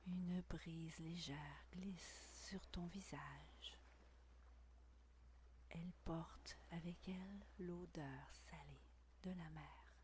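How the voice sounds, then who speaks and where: A woman whispering a guided meditation intimately, right by the ear, in a breathy, soothing, unhurried voice with long pauses. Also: fairly low pitch, fairly even intonation, darkish tone, slight background noise. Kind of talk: guided meditation, scripted narration.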